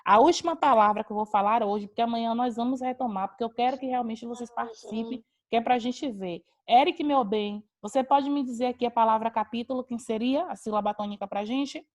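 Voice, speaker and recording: A woman's voice: a little high, brisk, few pauses. A woman teaching an online class, calling on students by name and praising their answers. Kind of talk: online class on a video call.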